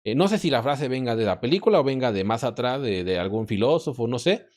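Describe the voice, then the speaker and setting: A Mexican-accented man speaks in a mid-range voice as a podcast guest. He is a math and physics teacher who talks reflectively, pausing and starting phrases over as he works out his thoughts. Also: medium pitch, expressive, a little mellow. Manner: reflective, hesitant, restarts often. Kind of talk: casual podcast conversation.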